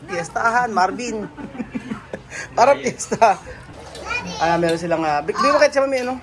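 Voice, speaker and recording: A Filipino man hosting a casual food vlog, chatty and quick to laugh, asking lots of questions. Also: high-pitched, animated. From Philippines. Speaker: vlogger host. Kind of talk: casual chat while eating. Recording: crowd noise behind.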